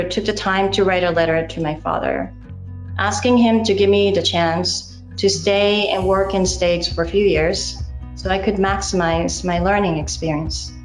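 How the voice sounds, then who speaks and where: A middle-aged woman from Japan with a Japanese accent and Japanese as her first language, giving a measured, earnest acceptance speech as incoming chapter president, with small hesitations. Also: mid-range voice, echoey room, rough recording.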